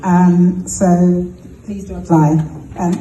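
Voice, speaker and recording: A woman's voice: lowish voice, level tone, slow, dark tone, slight background noise. A woman judge gives a sincere, hesitant speech full of fillers, making an appeal to the audience. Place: banquet hall at gala dinner. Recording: echoey hall, distant mic, music behind.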